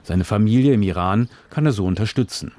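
A male reporter narrating a scripted radio report in a measured, descriptive way. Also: fairly low pitch, mellow.

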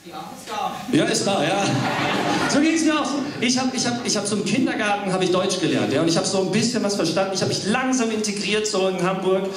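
Stand-up comic, man, 30s: high, animated, echoing and distant on stage, loud audience noise. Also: brisk. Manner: animated storytelling, often laughing. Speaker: stand-up comedian. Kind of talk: stand-up comedy set. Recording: echoey stage sound from far off, loud audience.

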